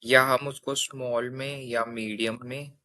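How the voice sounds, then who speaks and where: This young man's coding lesson comes in an unhurried, sharp-toned voice of medium pitch that barely rises or falls. His style is casual, moving through each step and regularly pausing to ask his audience "theek hai."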